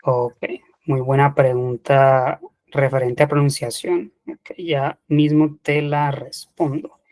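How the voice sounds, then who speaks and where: A man explains English past-tense rules to an online class at an unhurried, deliberate pace. He is methodical and patient, checking in often, and his voice sounds close and dry with no room echo. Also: medium pitch, little pitch movement, a little mellow. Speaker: English teacher. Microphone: computer mic in online seminar.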